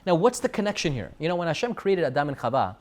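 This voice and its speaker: Animated American man giving a Torah talk. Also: fairly high pitch, quick pace. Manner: animated, rhetorical questions, sprinkles Hebrew and Yiddish terms. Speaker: rabbi teaching Torah. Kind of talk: Torah class sermon.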